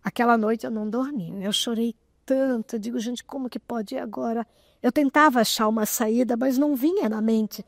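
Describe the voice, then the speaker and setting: A woman in her sixties, a guest in an interview, telling a personal story in an animated way, often close to tears. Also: on the high side, moderate pace, no room sound. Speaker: interview guest, association president.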